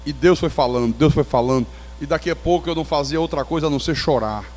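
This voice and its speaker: Brazilian male pastor, high voice, lively storytelling sermon, long church reverb. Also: quick pace. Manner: animated storyteller with touches of humor. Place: church sanctuary.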